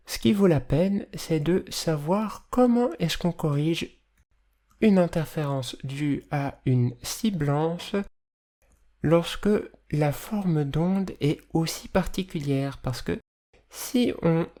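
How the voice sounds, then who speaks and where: A person with a slight lisp and hissy, slushy s sounds, explaining audio editing as a tutor in a measured, careful way. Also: medium pitch, warm tone. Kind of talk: instructional screencast narration, explanatory.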